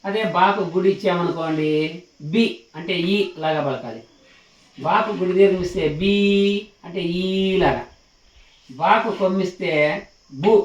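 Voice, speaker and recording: A male teacher giving a slow, patient lesson on the sounds of letters, repeating each syllable one at a time. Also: on the high side, far from the mic. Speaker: Telugu teacher. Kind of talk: slow spoken lesson for children. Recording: echoey room, slightly off the mic.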